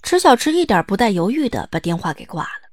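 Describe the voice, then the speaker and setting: A woman reading the narration of an audio drama in a smooth, lightly wry storytelling manner. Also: medium pitch, very animated, quick pace, slight background noise.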